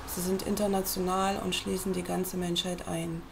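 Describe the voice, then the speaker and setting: A woman reading a book aloud at a computer, in a measured, earnest way, as if speaking straight to the listener. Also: on the low side, flat delivery, gravelly, noisy background. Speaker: reader.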